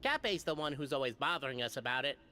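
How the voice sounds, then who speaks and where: Teasing young clan leader, man acting; bright tone, lots of pitch movement. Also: quick pace, slight background noise. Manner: teasing, animated.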